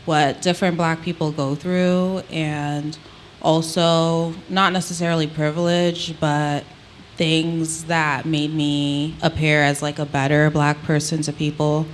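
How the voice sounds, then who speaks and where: Woman, Antiguan accent, low register, candid interviewee telling her own story, light ambient noise behind her. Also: little pitch movement, slow pace. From Antigua, Caribbean. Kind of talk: reflective personal storytelling in conversation.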